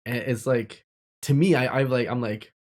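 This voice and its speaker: Speaking at a moderate pace in a mid-range, darkish voice, a young man shares personal stories in a relaxed, reflective way. His talk is candid and informal, with a bit of mild swearing.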